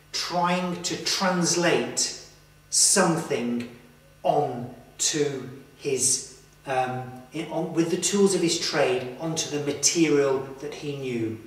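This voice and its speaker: Slow earnest man in echoey church. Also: on the high side, far from the mic. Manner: slow, earnest, with emphatic pauses. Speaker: presenter. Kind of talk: reflective documentary talk to camera. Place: inside a large stone church. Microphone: far camera mic.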